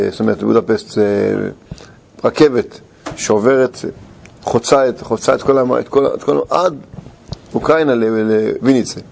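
A middle-aged man telling a personal anecdote in casual talk. He is animated and laughs through his story, but halts often, restarting and searching for words. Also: mid-range voice, creaky.

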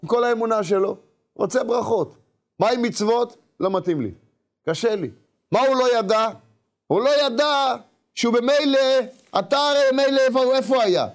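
Preaching a sermon, a high-voiced rabbi gets animated, giving voice to the private thoughts of the people in his stories. At times he raises his voice and calls out.

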